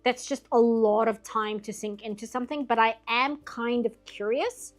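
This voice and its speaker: Drawing on stream late at night, a woman from Britain makes casual small talk, rambling and laughing frequently. Her voice is on the high side, delivered at normal speed, and it's starting to turn a little hoarse.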